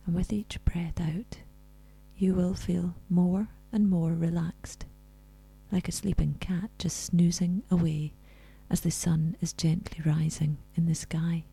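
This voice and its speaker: A woman leading a scripted guided relaxation in a soft, soothing, breathy spa-like voice that comes close to a whisper. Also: on the low side, flat delivery, slow pace, low-quality recording.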